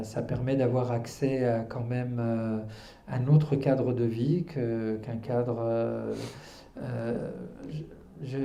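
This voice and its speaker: A man in his fifties answers questions at a public book presentation, hesitating often and restarting his phrases before pressing his point with conviction. His voice is very dark and mellow, and it rings through a roomy hall. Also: medium pitch. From Algeria, raised in Paris. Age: 50s. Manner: hesitant, many fillers and restarts, earnest. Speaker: author and guest. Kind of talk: public book talk interview. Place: cultural centre hall.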